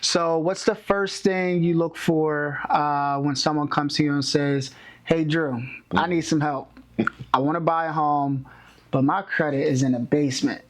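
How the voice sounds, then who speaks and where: A male host in an interview who keeps things conversational. He asks his guest plain, open questions. Between them he offers quick words of agreement. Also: on the high side, fairly even intonation.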